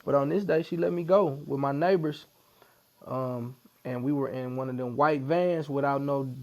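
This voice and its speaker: A man with a St. tells his story in a relaxed, chatty way. His voice has a gravelly edge, and he slips into the voices of the people he quotes. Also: mid-range voice, normal speed. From Missouri, USA. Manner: animated storyteller who acts out quotes. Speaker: podcast guest. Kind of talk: storytelling in casual conversation.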